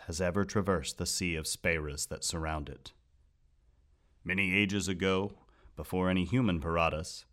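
A man voicing a booming, grave ship captain. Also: fairly bright tone. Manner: solemn, declaiming loremaster.

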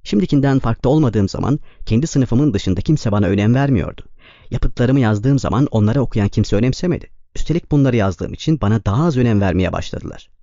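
A man's voice: mid-range voice, animated, brisk, warm tone, no room sound, highs cut off, close to an everyday voice. A man reading an audiobook, voicing a cold, bitter young man who talks impatiently.

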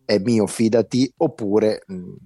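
A man giving conversational sports opinion as a podcast panellist, pausing to search for words as he argues. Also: on the low side, fairly even intonation, dark tone, no echo, clean studio sound.

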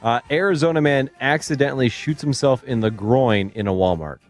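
Wisecracking male radio co-host, mid pitch. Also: brisk, soft background music. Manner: wisecracking, dry humor. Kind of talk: casual chat.

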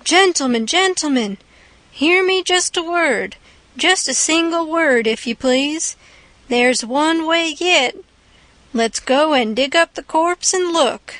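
Urgent male lawyer in a storybook, raised pleading voice, pitched high, as a woman puts him on. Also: lively intonation, slow, a bit bright, no echo, heavily acted.

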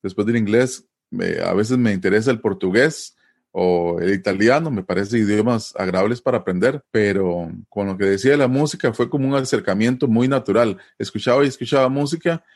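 A man's voice: on the low side, a little fast, darkish tone. A man from Costa Rica with a Costa Rican Spanish accent, explaining things in a conversational interview and often checking in with tag questions.

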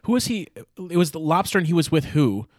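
A man's voice: on the high side, big pitch swings, brisk, a little mellow, dry recording. A man co-hosting a film podcast, chatting eagerly as a movie buff. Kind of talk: casual film chat.

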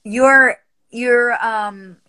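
A woman's voice: fairly high pitch, fairly even intonation, pushed and bright, clean tone, poor audio. Teasing woman co-host on a live chat. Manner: teasing, quick banter. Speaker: podcast co-host. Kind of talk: casual chat on an Instagram live. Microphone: video call.

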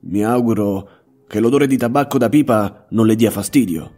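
A man voicing a blunt, self-assured young male detective in a measured, matter-of-fact tone. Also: on the low side, warm tone, faint music behind, close to an everyday voice. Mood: calm.

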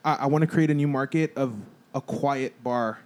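A man's voice: medium pitch, moderate pace. An American man talking casually and in slang with a group of friends.

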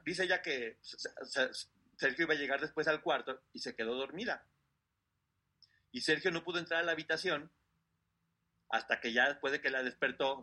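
A man's voice: medium pitch, breathy edge. A man, retelling a story to co-hosts in a casual chat, acting out what people said. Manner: animated retelling, acting out quotes.

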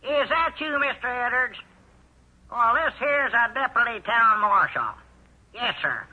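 A man playing an excitable, simple-minded country storekeeper and deputy marshal, with a twangy drawl and a habit of malapropisms. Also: measured pace, heavily acted. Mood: riled folksy. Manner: high twangy drawl, malapropisms, easily riled. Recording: dull lo-fi old radio recording.

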